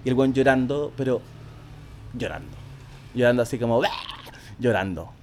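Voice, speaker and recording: A man's voice: medium pitch, moderate pace, a little hiss or hum. Slangy young Chilean man telling a story. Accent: Chilean Spanish. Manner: slangy, animated, acts out quoted speech. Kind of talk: casual storytelling chat.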